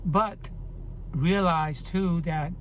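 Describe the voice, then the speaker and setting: A man's voice: fairly high pitch, extremely slow, a little hiss or hum. Man in his fifties, earnest and reflective. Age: 50s. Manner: earnest, reflective, repeats key phrases. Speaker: vlogger. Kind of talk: personal video diary.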